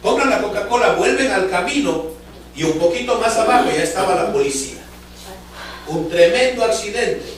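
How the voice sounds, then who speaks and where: A man preaching a fervent sermon to his congregation, telling a story with drawn-out emphatic phrases and speaking to the listeners directly. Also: high-pitched, animated. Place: church sanctuary. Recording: echoey church hall from far off.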